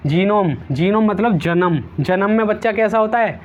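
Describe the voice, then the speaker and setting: A man's voice: high voice, moderate pace, slight background noise. Man drilling vocabulary, lo-fi sound. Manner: repeats each word several times, playful memory tricks. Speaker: teacher. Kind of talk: exam-prep vocabulary lesson.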